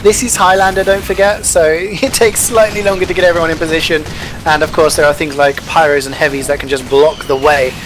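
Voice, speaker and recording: A man's voice: a little high, fairly even intonation, a little fast, noisy background. A man working as an esports caster, giving live play-by-play and analysis of a match.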